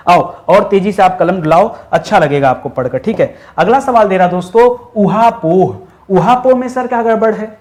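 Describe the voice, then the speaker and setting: High-voiced man teaching a chatty lesson. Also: darkish tone. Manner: drills with repeated questions and answers; brisk and chatty, teasing students. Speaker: Hindi teacher. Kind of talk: online exam-prep lesson.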